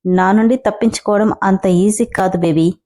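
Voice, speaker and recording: A man's voice: high-pitched, fairly even intonation, moderate pace, darkish tone, close to an everyday voice. A woman voicing a brash, arrogant young male company boss who talks in a commanding, taunting way, in a storybook reading.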